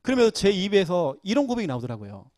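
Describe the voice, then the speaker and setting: Man preaching with lively, pleading voice. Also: sits high, fast, no echo, studio quality. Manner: emotional, pleading, rising to loud cries. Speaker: pastor. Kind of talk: sermon.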